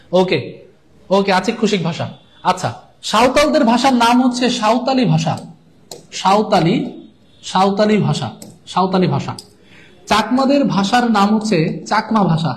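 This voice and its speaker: A high-pitched man tutors a live online class. He drills each term over and over and keeps asking his viewers whether they follow. Faint noise sits under the voice. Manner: repetitive, drilling key terms and checking in with viewers. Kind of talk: live-streamed lesson.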